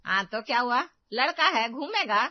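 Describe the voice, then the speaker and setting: A woman's voice: fairly high pitch, expressive, moderate pace, dry recording, close to an everyday voice. A woman voicing a domineering old grandmother in a cartoon who spoils her grandson and scolds her daughter-in-law. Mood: dismissive. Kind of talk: cartoon voice acting. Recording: dull dry recording.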